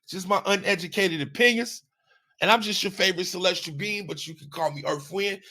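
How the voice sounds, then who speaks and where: A man's voice: sits high, fairly quick, sharp tone. A man hosting his own podcast, giving a blunt, profane opinion monologue with emphatic repeated phrases. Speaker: podcast host.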